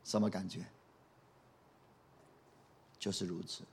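A man's voice: low voice, flat delivery, takes it slowly, breathy edge. A male pastor preaching a sermon in an emphatic way, often asking his listeners rhetorical questions.

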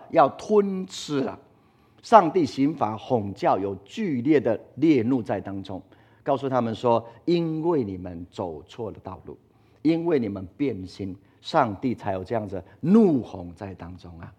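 A man preaching from the pulpit in a husky, slightly rough voice. He presses his points with rhetorical questions and answers them himself, swinging between loud emphasis and quiet asides. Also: mid-range voice. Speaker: pastor. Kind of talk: sermon.

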